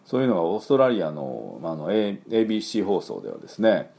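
A man's voice: low voice, huge pitch swings, fast talker, creaky, warm tone. A man teaching English pronunciation in a casual spoken lesson, chatty with lots of fillers and repeated sound demonstrations.

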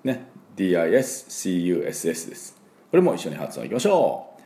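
A middle-aged man with chatty, filler-heavy talk, hosting a daily English lesson and slowly drilling pronunciation. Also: low-pitched, very animated, mellow, roomy sound. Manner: chatty, many fillers, slow drawn-out teaching of sounds. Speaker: English teacher and school head.

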